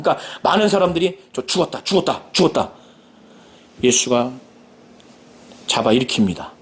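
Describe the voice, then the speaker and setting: Impassioned high-voiced male pastor preaching. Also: a bit bright. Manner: impassioned, acts out Jesus and the father in quoted lines. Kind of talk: sermon.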